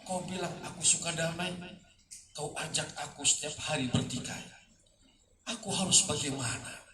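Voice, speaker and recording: A man's voice: fairly high pitch, fairly even intonation, moderate pace. A man reciting a poem at a live reading, delivering the lines with passion that swells and drops. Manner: impassioned, rising and falling with the lines. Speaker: poetry reader. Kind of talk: dramatic poetry recitation. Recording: echoey room, distant mic, noisy.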